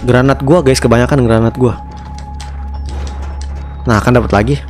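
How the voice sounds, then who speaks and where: A young man with an Indonesian accent giving casual gameplay commentary into a headset, chatty and often repeating words in quick strings. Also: mid-range voice, steady tone, a little mellow. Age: young adult. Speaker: gaming streamer. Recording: game music behind the voice. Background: video game music.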